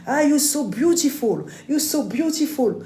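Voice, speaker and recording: A woman's voice: high-pitched, lively intonation, measured pace, warm tone, roomy sound, a little hiss or hum, voice pushed up. A woman mimicking gushing American women who fawn over her, mixing English and French.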